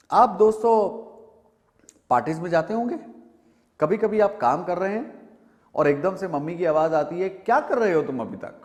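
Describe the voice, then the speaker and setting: A male English teacher leads a spoken lesson, his fairly high voice rising and falling a great deal. He puts questions to his viewers, then reads out each example sentence slowly and deliberately. A long reverb trails behind his voice, as if in a hall. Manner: lively, quizzes viewers with questions and answers them himself.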